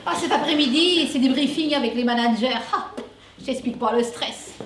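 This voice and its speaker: Chatty high-voiced woman. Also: moderate pace. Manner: chatty, folksy. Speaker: sketch performer. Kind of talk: comic stage monologue. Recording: echoey room from far off, faint noise.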